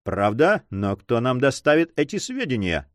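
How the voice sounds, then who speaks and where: A man's voice: mid-range voice, very animated, moderate pace, dry recording, studio quality, close to an everyday voice. A man voicing a cautious older uncle and governor who scolds the young men in a story. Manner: worried, scolding.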